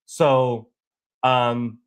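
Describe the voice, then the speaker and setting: A man's voice: medium pitch, little pitch movement, extremely slow, clear, resonant tone. Aggrieved man telling his travel story. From Boston. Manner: rambling, aggrieved, frequent restarts. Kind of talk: casual storytelling vlog.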